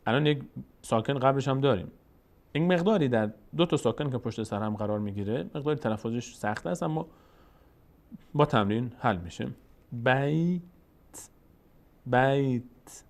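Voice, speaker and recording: A man with a Tajik-influenced Persian accent teaching Quran recitation, explaining the rules and slowly drawing out each Arabic word as he demonstrates it. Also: mid-range voice, a little mellow. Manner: slow, drawn-out demonstration of Arabic words between explanations. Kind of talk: recitation lesson.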